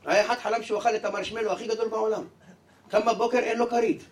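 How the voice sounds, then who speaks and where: A man performing stand-up comedy, telling an animated story and jumping between voices. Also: sits high, distant mic, crowd noise.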